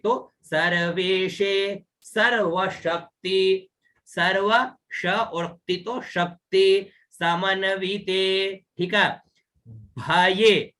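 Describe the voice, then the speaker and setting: A man teaching Sanskrit verse recitation online, spelling out each syllable slowly and checking "है ना?" after each point. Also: sits high, sharp tone. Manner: slow, syllable-by-syllable pronunciation drills, checks with "है ना?".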